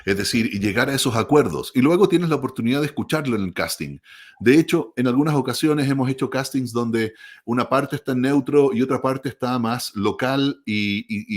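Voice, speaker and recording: A man who produces audiobooks, explaining the craft in a measured way and often checking in with the listener. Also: medium pitch. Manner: measured, explanatory, frequent tag questions. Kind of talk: explanatory talk.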